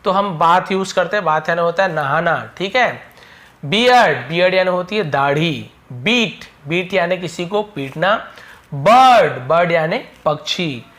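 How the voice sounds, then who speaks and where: A man's voice: a little high, animated, unhurried, a bit bright. Man teaching vocabulary. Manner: explains each word plainly, repeating meanings. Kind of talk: vocabulary lesson.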